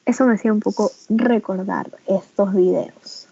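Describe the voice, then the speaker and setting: Over a video call, a woman with a Peruvian Spanish accent gives an online teacher training lecture in a medium-pitched, steady, dark and husky voice with some creak. The sound is muffled with no room echo, and she speaks at normal speed. She explains patiently, often tags on "¿no?", and acts out caregiver phrases in a livelier voice.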